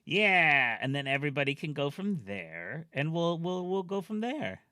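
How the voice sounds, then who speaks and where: A man running a tabletop role-playing game as game master, narrating haltingly with many fillers. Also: fairly high pitch, big pitch swings, pushed and bright, no room sound, clean studio sound.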